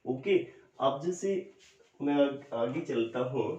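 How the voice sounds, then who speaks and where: A man teaching English grammar in a slow, explanatory classroom lecture, mixing in English terms. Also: mid-range voice, dark tone. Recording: echoey lo-fi room recording.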